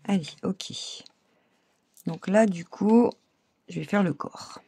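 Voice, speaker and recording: A middle-aged woman talks viewers through a craft project in a chatty, casual way. Her voice is husky and gravelly, with a dark, low tone. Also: slow. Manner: chatty, laughs often, addresses viewers directly. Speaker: craft tutorial host. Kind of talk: casual craft tutorial talk.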